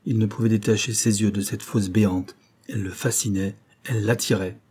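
A man reads a novel aloud in steady, measured narration. His voice is low and mellow, with a dark tone. A husky grain runs under it. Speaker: audiobook narrator.

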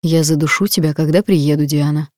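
A woman's voice: sits low, steady tone, brisk, no echo, studio quality, close to an everyday voice. A woman voicing a stern, cruel male mafia boss who talks in a cold, threatening way. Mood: menacing. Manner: threatening, cold, then soft and quiet.

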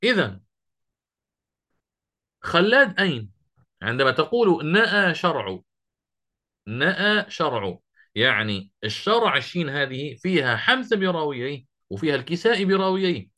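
Bright-voiced man teaching a class. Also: a little high, sing-song. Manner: questioning students, drawn-out quoting of verse. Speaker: Quran recitation teacher. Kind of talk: classroom lesson.

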